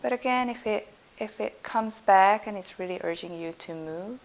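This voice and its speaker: Soft and soothing, a woman working as a yoga instructor guides a relaxation meditation in a mid-range voice. Her phrases turn breathy at the ends and are separated by long pauses, while a steady hiss runs underneath the recording.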